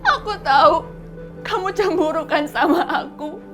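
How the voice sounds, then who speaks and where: A woman's voice: very high voice, expressive, moderate pace, over music. An actress playing a scheming young woman who fakes a pregnancy, whiny and accusing, with fake tears. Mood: whiny tearful. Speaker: actor in a TV soap. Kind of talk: TV soap acting.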